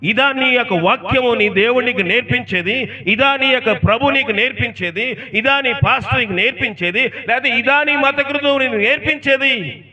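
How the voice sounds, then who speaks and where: Preacher guy, high bright voice, storytelling sermon, kinda far off mic and muffled. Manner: rhetorical questions, storytelling. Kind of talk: emphatic sermon. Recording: distant, dull lo-fi sound.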